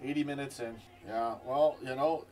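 A man's voice: medium pitch, steady tone, normal speed, a little mellow. A young man giving casual watch-along commentary as a football fan. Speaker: football fan reacting to a match. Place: small wood-panelled fan room, away from the camera. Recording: room mic at a distance.

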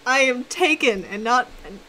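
A woman streaming a game and chatting casually, excitable and teasing, with sudden loud exclamations. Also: fairly high pitch, normal speed, a crowd in the background, poor audio. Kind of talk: casual gaming chat.

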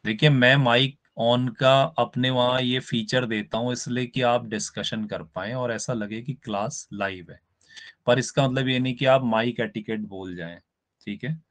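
A man's voice: mid-range voice, steady tone, fairly bright tone. Male teacher, live online lecture, patient step-by-step explainer who keeps checking in with students. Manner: spells out words slowly for emphasis.

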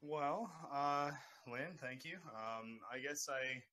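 A man's voice: medium pitch, takes it slowly, pushed and bright. A man joining a panel through cheap headphones on a phone call, joking about himself in a casual way. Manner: self-deprecating, joking. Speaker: panel guest, project lead. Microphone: knockoff headphones on a phone call.

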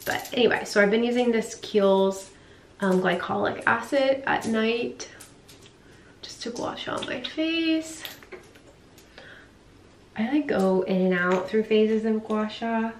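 A woman's voice: fairly high pitch, takes it slowly, long pauses, distant mic, slight background noise. A young woman talks through her routines in a loose, rambling vlog, with plenty of ums and likes. She sounds set back from the camera. Her voice bounces around a hard, echoey home bathroom, with faint room ambience underneath. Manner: rambling, casual, lots of fillers. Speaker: lifestyle vlogger. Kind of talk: chatty personal vlog.

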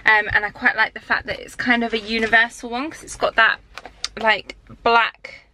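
A lifestyle vlogger chats casually about her shopping haul to a camera held at arm's length, first in a parked car and then in a bedroom at home. Her voice is fairly high with a level, sharp tone and a moderate pace, and she's chatty, rambling and upbeat. The audio is poor, with a little hiss or hum.

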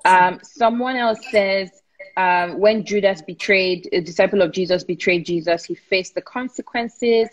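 A woman's voice: medium pitch, unhurried, dull audio. A woman with a Nigerian accent hosting a phone live-stream interview, reading out viewer comments in a conversational way with many ums. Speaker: host. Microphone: phone on a live video stream.

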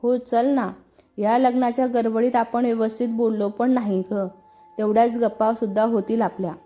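A woman's voice: fairly high pitch, level tone, moderate pace, dark tone, natural voice. A woman voicing a young woman who tenderly confides her grief over her late father, in a storybook reading. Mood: friendly. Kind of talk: storybook dialogue.

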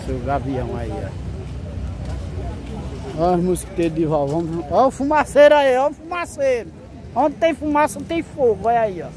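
A man with a Northeastern Brazilian accent narrates a street vlog in a casual, chatty way, often repeating his phrases, his voice high and sing-song at a moderate pace with long pauses. He's holding the camera and talking from behind it at an outdoor street market in a town square. Crowd noise and traffic fill the noisy outdoor recording.

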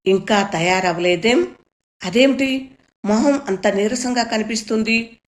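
A woman's voice: on the low side, a little slow, roomy sound, natural voice. A woman voicing an anxious, caring middle-aged mother who fusses over her daughter, raised a little above her own reading voice. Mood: worried. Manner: fretful and fussing, then soothing.

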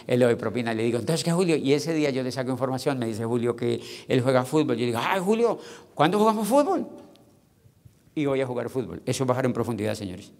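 A man giving an energetic motivational business talk, acting out little dialogues with loud bursts. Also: medium pitch, fast, few pauses. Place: large convention hall. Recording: long hall reverb.

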